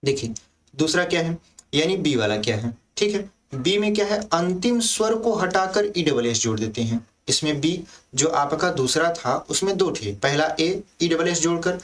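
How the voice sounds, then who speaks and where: A man's voice: a little high, animated, normal speed, recorded from a distance. A male teacher explaining a grammar lesson step by step, asking questions and answering them himself. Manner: often adds "thik hai" checks to the students. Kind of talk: recorded class lesson.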